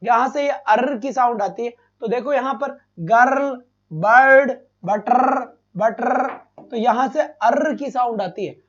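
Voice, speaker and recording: Brief: male tutor, live class, asks then answers himself, loud bursts of praise, dull lo-fi sound. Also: extremely high pitch, unhurried. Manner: addresses students as beta, asks and answers own questions. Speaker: teacher. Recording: dull lo-fi stream audio.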